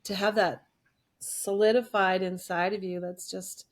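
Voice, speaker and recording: A woman's voice: mid-range voice, flat delivery, unhurried. A woman co-hosting a casual interview, speaking in an effusive, sentimental way. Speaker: podcast co-host.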